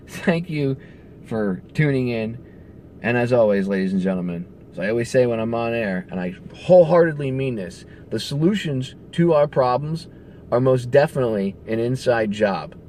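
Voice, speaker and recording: A medium-pitched man with a somewhat dark tone acts as a radio host ranting about politics to camera. His delivery is casual, conversational and emphatic, salted with swearing, and there's a bit of hiss or hum.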